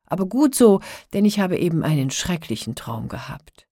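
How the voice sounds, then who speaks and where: Lady doing a scared young princess in a fairy tale, pleading, soft breathy voice. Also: big pitch swings, moderate pace, no room sound, clean studio sound, heavily acted. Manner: higher, plaintive.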